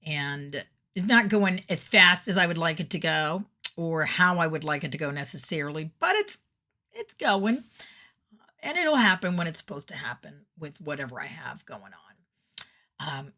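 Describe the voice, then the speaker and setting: A middle-aged woman and motivational speaker records a weekly video message. Her voice sits a touch low. She sounds upbeat, earnest and encouraging. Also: lively intonation, moderate pace, bright, forceful tone.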